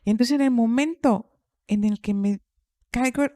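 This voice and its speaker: A woman's voice: on the high side, moderate pace, warm tone, no echo, studio quality. A middle-aged woman telling a personal story in casual podcast chat, repeating phrases for emphasis. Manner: acts out quoted dialogue. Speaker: podcast speaker.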